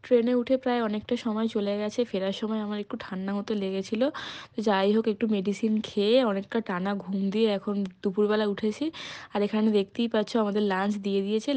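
A woman's voice: medium pitch, fairly even intonation, fast, darkish tone. A woman narrating a casual travel vlog, chatting directly to her viewers. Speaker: travel vlogger. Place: train journey.

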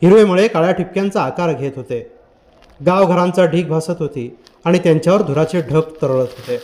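A man narrating a novel in a measured, literary reading style. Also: fairly high pitch, a little mellow. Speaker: audiobook narrator.

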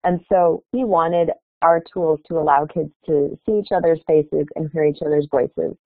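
Presenting her project as keynote speaker at an online conference, a woman from the Chicago area speaks in a voice that sits low, with no room sound. She explains earnestly with some fillers, and the video call makes her sound tinny and phone-like.

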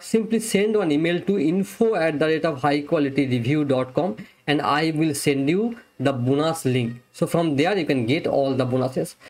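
A young man giving a plain, step-by-step screen-recorded software review and demo, talking close to a webcam mic in a small room. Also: on the high side.

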